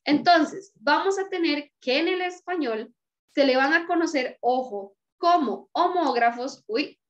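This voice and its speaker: A woman's voice: sits high, lively intonation, unhurried, highs cut off. A woman teacher explaining a lesson patiently, often checking in with her students. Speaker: Spanish teacher. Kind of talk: recorded class lecture.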